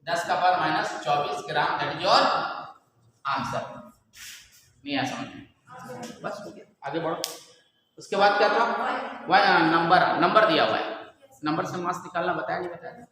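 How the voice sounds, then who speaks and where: A man teaching chemistry to a class, dictating questions slowly and coaxing students as "beta". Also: a little high, sharp tone. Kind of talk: classroom lecture. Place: large echoey classroom. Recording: echoey hall from far off, faint room noise.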